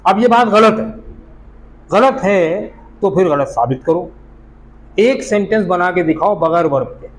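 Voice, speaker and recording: High-voiced man teaching English grammar. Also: animated, unhurried, long pauses, slight background noise, low-quality recording. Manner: explains patiently, asks the class questions. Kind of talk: classroom lecture. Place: classroom.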